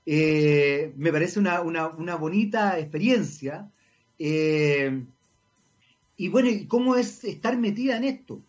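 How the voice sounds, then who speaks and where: A man's voice: a little high, animated, unhurried, highs cut off, soft background music. A Chilean man hosting a casual radio interview, chatty and self-mocking, talking at length. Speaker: radio host.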